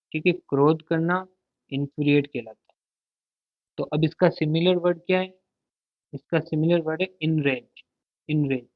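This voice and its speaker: A man's voice: fairly high pitch, dry recording. Repetitive male vocabulary teacher, tinny sound. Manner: asks a question, then answers it, repeating words. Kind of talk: vocabulary lesson. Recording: tinny, dry, phone-like sound.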